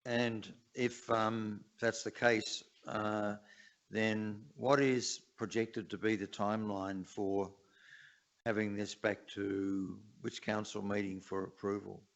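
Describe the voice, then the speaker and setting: Councillor guy, slow and hesitant, low flat voice, muffled. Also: gravelly. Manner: halting, hesitant. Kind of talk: question at a council meeting. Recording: dull muffled council chamber audio.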